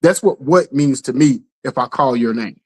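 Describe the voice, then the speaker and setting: A man co-hosting a casual talk show, telling stories with lively acted-out quotes and a steady "you know what I'm saying.". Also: normal speed, breathy edge. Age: adult parent. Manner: animated storytelling, acts out quotes with jumps in pitch. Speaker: podcast co-host. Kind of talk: casual chat.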